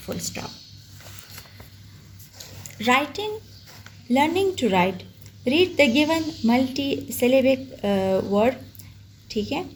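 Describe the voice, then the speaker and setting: A woman teacher with a Pakistani accent explaining a school lesson slowly and patiently, sounding out words one at a time. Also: fairly high pitch, darkish tone, a little hiss or hum. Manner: slow, patient, spells out each word.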